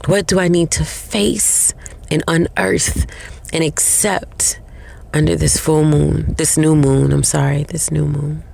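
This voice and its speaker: Guiding a meditation, a woman speaks in brief, slow phrases and leaves long silences between them. Her voice sits low, dark and at ease, with a heavy vocal fry crackle, and the delivery never stops being calming.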